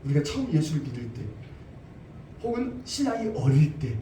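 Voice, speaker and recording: Emphatic high-voiced male pastor, roomy distance. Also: very animated, moderate pace, dark tone, slight background noise. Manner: emphatic, repeats phrases, asks rhetorical questions. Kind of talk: sermon. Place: church sanctuary. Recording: roomy, distant church recording.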